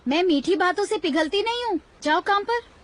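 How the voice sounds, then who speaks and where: A woman's voice: extremely high pitch, animated, moderate pace, fairly bright tone. A woman dubbing a pushy, money-minded young woman in a Hindi series, bossy and theatrical. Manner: bossy, wheedling, theatrical complaints.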